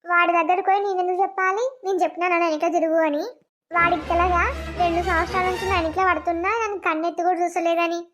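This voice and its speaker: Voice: very high voice, flat delivery, very fast, fairly bright tone, soft background music. A voice actor playing a cold, determined young village woman in a cartoon, speaking firmly with a Telangana accent. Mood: stern. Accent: Telangana Telugu. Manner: stern, firm.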